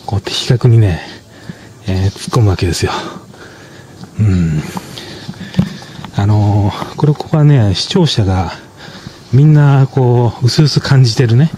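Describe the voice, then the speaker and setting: A man giving casual explanatory commentary as a drama reviewer, talking in a measured way with lots of fillers and soft tag particles. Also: lowish voice, lively intonation, background noise.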